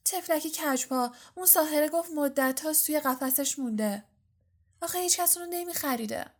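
Hermione, a quick pleading schoolgirl, as a woman reads her. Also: sits high, voice pushed up, lightly acted. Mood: coaxing. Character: clever teenage girl, bossy and caring.

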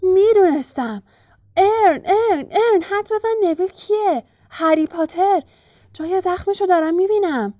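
A woman voicing an excitable young male bus conductor who shouts with excitement, in a storybook reading. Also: extremely high pitch, no room sound, studio quality, pitched above the performer's own voice. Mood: thrilled shouting.

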